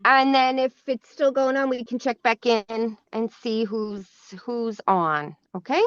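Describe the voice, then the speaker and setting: Woman, loud and passionate, car Bluetooth hands-free, dull lo-fi line, high voice. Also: unhurried, no echo. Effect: car Bluetooth hands-free audio. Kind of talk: casual chat on a webinar call. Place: inside her car, driving.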